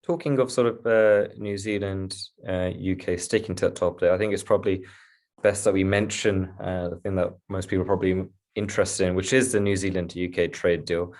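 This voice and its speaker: A man's voice: sits low, fairly even intonation, brisk, a little mellow. A man hosting a conversational interview, hesitant as he feels his way through his questions. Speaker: host, interviewer.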